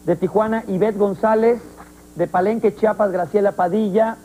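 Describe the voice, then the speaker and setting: Joking Mexican talk show host. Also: male voice, high-pitched, fairly even intonation, warm tone, a little hiss or hum, rough recording. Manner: joking, teasing, quick interjections. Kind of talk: live studio talk show banter.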